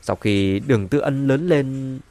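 A man voicing a sharp-tongued, scheming grandmother who mocks and scolds, in a dry-sounding audiobook reading. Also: mid-range voice, unhurried, no echo, close to an everyday voice. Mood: scornful. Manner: scornful, mocking.

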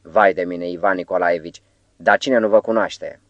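A man's voice: low voice, steady tone, a bit bright, no room sound, lo-fi sound. A man reading as a suave mysterious foreign professor. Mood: courteous. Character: mysterious foreign professor, calm, courteous, knowing.

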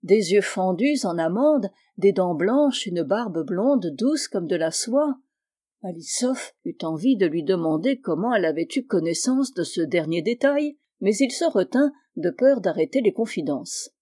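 A woman narrating an audiobook of a classic novel in a measured, expressive storytelling manner. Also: medium pitch. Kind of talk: audiobook reading.

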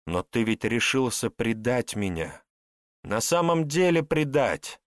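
A man's voice: low-pitched, lively intonation, moderate pace, dry recording, clean studio sound. A man voicing a cold, scornful adult tsaritsa who mocks and presses her brother. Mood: scornful interrogation. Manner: icy, mocking, pressing.

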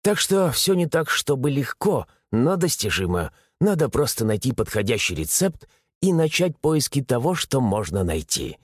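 A man narrating an audiobook in the first person with expressive storytelling. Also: mid-range voice, moderate pace, slightly rough, no echo, studio quality.

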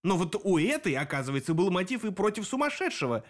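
A man's voice: high-pitched, sing-song, fast, voice pushed up. A man voicing a sly, grinning male demon detective in an audiobook, mocking and theatrical.

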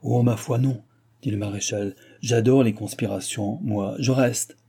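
A man's voice: mid-range voice, steady tone, measured pace, dark tone, husky. A man voicing a sly, mocking old male nobleman at court, teasing and ironic.

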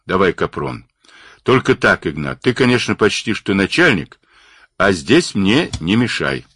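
A man reading an audiobook, voicing a gruff, grumbling, blunt polar expedition driver. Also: sits low, sing-song, a little slow, a bit bright, no echo, studio quality, heavily acted.

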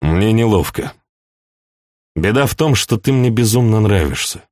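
A man reading an audiobook, voicing a dry-witted, blunt young count in a calm, wry manner. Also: fairly low pitch, measured pace, no room sound.

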